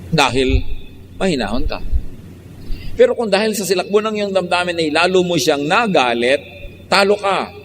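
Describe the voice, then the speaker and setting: A man with a Filipino accent, a pastor preaching a sermon, shifting between slow, calm teaching and lively mock quotes. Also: high-pitched. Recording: long hall reverb, faint traffic noise.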